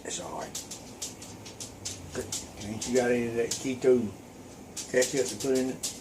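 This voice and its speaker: A man's voice: medium pitch, little pitch movement, fairly quick, background noise. A man, casually and bluntly giving his opinion on food while eating. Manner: blunt, folksy, dry humor, talks with mouth full. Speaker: taste tester, host's husband.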